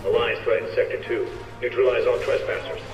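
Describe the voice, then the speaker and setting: A man voicing a cold base announcer calling terse alerts over a loudspeaker. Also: medium pitch, little pitch movement, fairly quick, music in the background. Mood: warning. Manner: terse, clipped alert calls. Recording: echoey distant loudspeaker.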